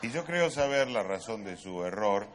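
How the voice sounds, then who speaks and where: An actor playing a fussy, formal language pedant who lectures on pronunciation in a comedy sketch. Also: male voice, fairly low pitch, expressive, moderate pace, very noisy, lightly acted. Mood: pedantic. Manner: formal, lecturing, over-precise.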